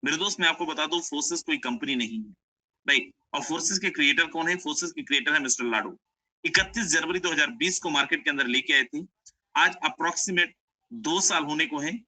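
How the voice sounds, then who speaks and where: A young man runs an online sales webinar, coaxing listeners to stay and often calling them his friends. His voice is sharp, bright and tense. The sound is dry and close, as on a video-call mic. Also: on the high side, brisk, no echo, poor audio. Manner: persuasive, repeats "my friend", mixes English phrases. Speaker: webinar presenter.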